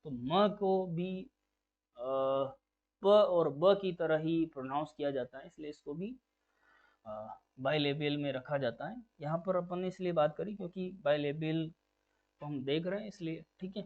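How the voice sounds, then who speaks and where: A man's voice: on the high side, unhurried. Man teaching phonetics, dull recording. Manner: patient, repeats key terms as questions to drill them. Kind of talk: exam-prep lecture.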